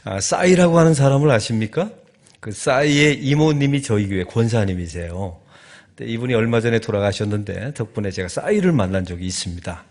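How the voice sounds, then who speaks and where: In a church sanctuary, a middle-aged guest pastor from Chungcheong preaches a lively sermon full of jokes. He has a Chungcheong Korean accent and a mid-range voice, and he talks fairly quickly.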